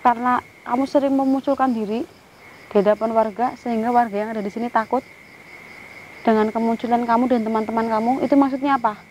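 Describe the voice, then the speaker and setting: Higher-pitched woman leading a ghost summoning. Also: steady tone, quick pace, a little mellow, dull audio, a little hiss or hum. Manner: commands a spirit sternly between Islamic prayers; directs the cameraman as she talks. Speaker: ghost-hunting vlogger. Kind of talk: paranormal summoning vlog. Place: outdoors by a river.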